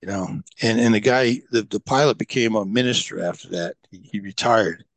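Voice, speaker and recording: A lowish, creaky voice belongs to a middle-aged man speaking at a moderate pace, recorded dry. He's a podcast guest who tells long stories in a rambling, easygoing manner, with plenty of fillers and restarts.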